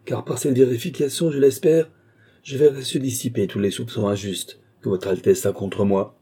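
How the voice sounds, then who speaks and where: Male narrator as a phlegmatic count who commands, husky, dark tone. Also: medium pitch, steady tone, moderate pace. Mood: cool commanding. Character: cool, domineering male count, mesmerist. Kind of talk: audiobook character reading.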